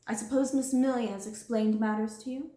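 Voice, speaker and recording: A woman's voice: a little high, fairly even intonation, brisk, warm tone, echoey room, lightly acted. A woman voicing a harsh, domineering middle-aged schoolmistress in a storybook reading, cold and scornful.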